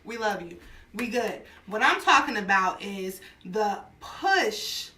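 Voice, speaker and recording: A woman's voice: mid-range voice, big pitch swings, slow pace, pushed and bright, roomy sound, far from the mic, slight background noise. A woman in her twenties hosting a radio talk show, chatting casually and bluntly, laughing often. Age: 20s.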